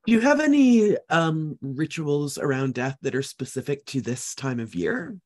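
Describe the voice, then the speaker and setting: A woman's voice: low-pitched, sing-song, normal speed, a little mellow. A woman hosting a podcast, asking questions in a casual, affirming conversation. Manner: interested, affirming interviewer. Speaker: podcast host.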